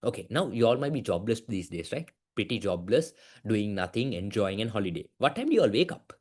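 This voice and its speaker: A young man teaching an online business class, asking lots of quick questions. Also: lowish voice, breathy edge. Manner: lively, keeps asking "right?", mixes in Sinhala words. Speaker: business studies tutor.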